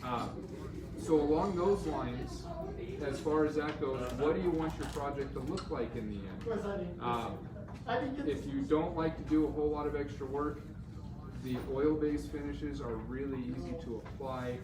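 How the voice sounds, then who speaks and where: A man's voice: a little high, moderate pace. A man speaking through a face mask, giving an informal, easygoing live demonstration in a conversational, explanatory way. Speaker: woodcraft demo presenter, guitar maker. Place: busy store demo area, indoors. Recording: roomy, distant mic, loud crowd noise.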